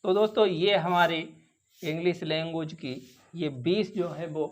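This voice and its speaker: A man teaching a phonics lesson at a slow, deliberate pace. His voice sits high for a man. He repeats each example word so it sinks in.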